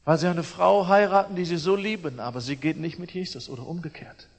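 A man with a high-pitched voice delivers a sermon, his words ringing with a long reverb tail through the hall. He is emphatic and restless in level, booming one moment and quietly pointed the next. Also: fairly quick. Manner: emphatic, swings between loud declarations and quiet asides. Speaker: preacher.

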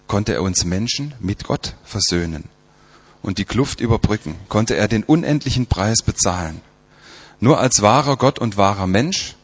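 A man delivers a sermon in a somewhat low, husky voice. He asks rhetorical questions and leans hard on key words. He slows down and stresses each phrase of the scripture passages he quotes. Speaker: preacher.

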